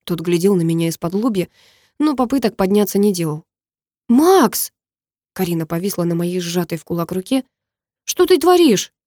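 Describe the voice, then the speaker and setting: A woman reads a first-person story aloud in a measured, intimate manner. Her voice is mellow and warm. The recording is dry and close, with no room sound. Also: on the low side, no echo. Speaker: audiobook narrator.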